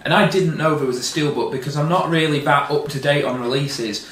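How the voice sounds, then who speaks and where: A man's voice: a little high, fairly quick, fairly bright tone. A man co-hosting a casual film discussion, laid-back and hesitant with fillers and the odd blunt swear. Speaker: co-host. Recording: roomy echo, distant mic, faint noise.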